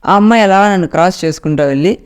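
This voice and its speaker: A man's voice: high voice, fast, clean tone. A man narrating a first-person ghost story in a dramatic storytelling manner.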